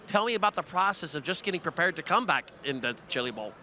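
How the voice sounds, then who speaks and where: A pit reporter doing trackside interviews in an animated, chummy way. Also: male voice, a little high, fast, slight background noise. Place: outdoors at a racetrack.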